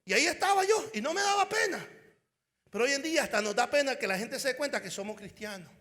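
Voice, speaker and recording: A man preaching a fervent sermon as an evangelist at a conference, often shouting and calling out to the crowd. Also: very high voice, animated, fast talker, long reverb tail. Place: conference hall.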